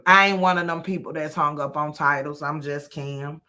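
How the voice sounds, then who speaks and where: A woman's voice: low-pitched, fairly even intonation, normal speed, pushed and bright. A woman from Louisiana, hosting a live advice talk in an emphatic, folksy way that leans on repeated phrases. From Louisiana, USA. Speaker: host, mental health professional.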